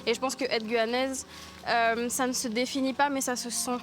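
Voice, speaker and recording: Music sits behind the voice of a French Guianese village activist as she answers an interviewer earnestly, repeating words for emphasis. Her pitch is a little high and barely moves, and her pace is normal.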